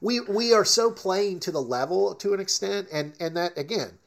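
A man's voice: high-pitched, normal speed, gravelly. A man co-hosting a sports talk show, talking emphatically and ranting about his team. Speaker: co-host.

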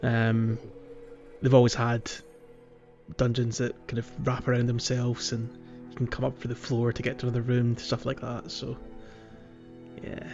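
A podcast host with a mid-range, darkish voice talks casually about a video game, thinking aloud in a hesitant, rambling way. His delivery is completely flat at a moderate pace, and the audio is slightly dull with background music underneath.

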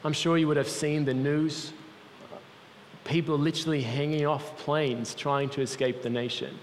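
A man's voice: on the high side, fairly even intonation, moderate pace, slight background noise. A young man with a Swiss accent giving an earnest, personal sermon as a guest speaker for a mission group in a church. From Switzerland. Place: large church hall. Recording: long reverb of a church hall.

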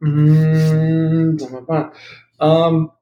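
A man's voice: a little high, flat delivery, extremely slow, warm tone, lo-fi sound. A native English-speaking man chatting casually in Mandarin as a foreign learner, with a foreign accent and non-native phrasing. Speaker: podcast participant, Mandarin learner. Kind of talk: casual conversational talk.

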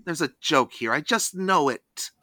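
Casting: male review host, crisp bright tone, lively intonation, dry studio-style sound, scripted recap. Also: fairly high pitch, unhurried, no echo. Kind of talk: scripted recap narration with asides.

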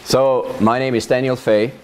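A man, recounting his life in a measured, storytelling way during an oral history interview. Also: mid-range voice, little pitch movement, a little mellow, a little hiss or hum. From Switzerland. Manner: measured storytelling with occasional laughs. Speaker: interviewee, vineyard manager. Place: his farm.

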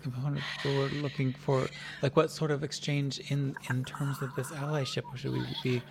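A man voicing a wary leader of a people, haggling over a deal in a tabletop game. The voice sits at an ordinary middle pitch, halting and stammering as he presses his point. A faint hum lies under it. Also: little pitch movement, creaky, lightly acted. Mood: bargaining.

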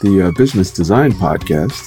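A man co-hosting a podcast, speaking with a very low, mellow voice. He jokes around and rambles, leaning on fillers. Faint music plays behind him. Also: expressive, brisk. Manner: playful and joking, rambling with fillers. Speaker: podcast co-host. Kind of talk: casual interview chat.

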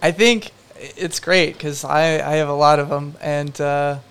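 Rambling, smooth-voiced man telling stories. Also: on the high side, steady tone, unhurried, fairly bright tone. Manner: rambling, filler-heavy, self-deprecating storytelling. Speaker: production designer. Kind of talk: casual interview answers.

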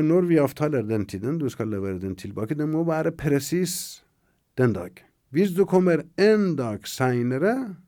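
A man's voice: on the high side, warm tone, no echo, studio quality. A man with an Iranian accent voicing a stern, greedy old moneylender who bargains insistently.

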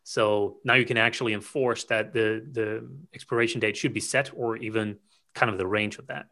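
A man with a bright, forward voice walks through technical settings as an invited expert. He talks with eager enthusiasm, piling detail upon detail in a conversational way. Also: fairly low pitch, fairly even intonation. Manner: enthusiastic, rapid-fire explainer. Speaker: cloud security expert guest.

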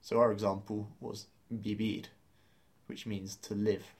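Male lesson host, fairly low voice, upbeat explainer who laughs easily. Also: flat delivery, unhurried. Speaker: language course host.

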